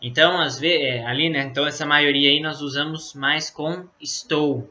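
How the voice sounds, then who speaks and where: Bright-voiced Brazilian man teaching Italian. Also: fairly high pitch, steady tone. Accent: Brazilian Portuguese. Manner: explains slowly, many fillers like "né?" and "tá?". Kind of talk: casual online language lesson. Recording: dull lo-fi sound.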